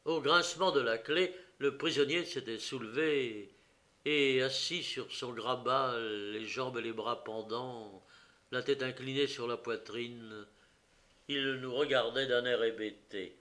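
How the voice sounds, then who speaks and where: A man narrating an audiobook of a detective story in a slow, dramatic reading. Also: medium pitch, bright, forceful tone.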